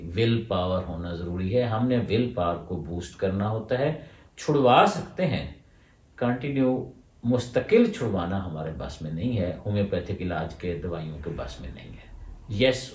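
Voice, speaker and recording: A man's voice: fairly low pitch, a little mellow, distant mic. A man, a homeopathic doctor answering questions and explaining his points in order. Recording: roomy echo, voice from away from the mic.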